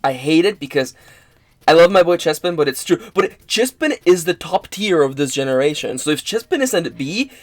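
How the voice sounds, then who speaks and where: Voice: medium pitch, animated, fairly quick, no echo. A person bantering casually as a co-host, arguing opinions emphatically, repeating points and swearing freely. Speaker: co-host ranking Pokémon on a stream.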